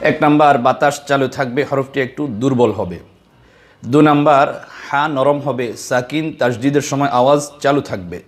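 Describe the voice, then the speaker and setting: A man teaching how to pronounce a letter in Quran recitation, explaining step by step and repeating syllables for practice. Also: medium pitch. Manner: slow, deliberate, drawing out sounds and repeating syllables. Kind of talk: slow, patient tajweed lesson.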